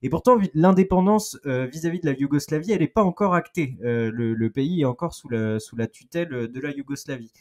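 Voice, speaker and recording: A man in his thirties with a French accent and a voice a touch higher than most, talking through a football chronicle for a podcast. He explains with plenty of figures and slips in small jokes as he goes, keeping it lively. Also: a little fast, few pauses. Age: 30s. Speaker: football columnist.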